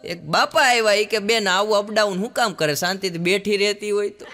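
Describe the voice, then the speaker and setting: A man's voice: high voice, a little fast, very noisy. A man telling jokes on stage as a stand-up comedian, acting out the lines of the people in his stories in raised voices. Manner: acts out characters' quoted lines in raised voices.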